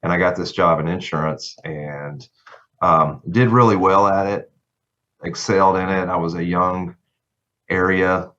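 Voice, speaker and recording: A man's voice: low-pitched, fairly even intonation, a little slow. A middle-aged man from Tennessee with a Southern accent, a guest on a podcast telling folksy stories about growing up. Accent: Southern American. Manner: folksy, warm storytelling with laughs. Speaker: guest lawyer. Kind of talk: casual podcast interview. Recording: somewhat dull lo-fi sound.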